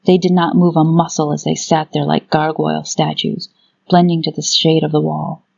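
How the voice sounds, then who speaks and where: A woman's voice: deep voice, flat delivery, moderate pace, vocal fry, darkish tone, muffled recording. A woman narrating a fantasy audiobook in a scripted, dramatic storytelling style.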